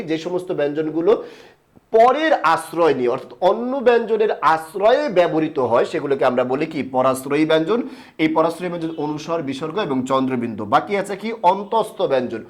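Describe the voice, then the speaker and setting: A man teaching an online grammar lesson, who asks the class questions and then answers them himself, and says key sounds over slowly. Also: on the high side, a little mellow. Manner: repeats key terms slowly. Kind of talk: online lesson, explaining and quizzing.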